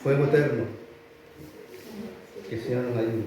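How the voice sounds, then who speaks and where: A man with a Chilean accent preaching a sermon emphatically and repetitively, often rising to loud exclamations in a church hall. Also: mid-range voice, fairly even intonation, measured pace, distant mic, crowd noise. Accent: Chilean Spanish. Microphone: filmed for online viewers.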